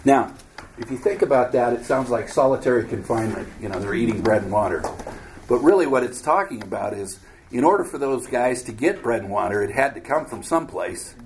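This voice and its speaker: A man's voice: medium pitch, lively intonation, a little fast, a little hiss or hum, low-quality recording. A man teaching a Bible study, reading scripture aloud and breaking in with casual, joking commentary. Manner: reads scripture aloud then adds joking asides, acts out voices.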